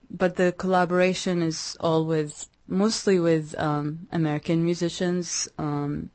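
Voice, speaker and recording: A young woman from Iraq, a musician guest in an interview, speaking hesitantly with many pauses and restarts. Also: sits low, a little mellow, dry recording. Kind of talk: radio interview.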